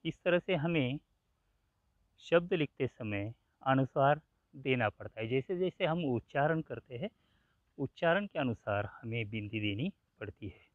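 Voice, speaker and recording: Man, teacher, grammar lesson, slow and repetitive, spells out letters, tinny phone-like recording. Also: medium pitch, animated, dry recording. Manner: slow and explanatory, repeats examples and spells out letters. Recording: tinny phone-like sound, dry.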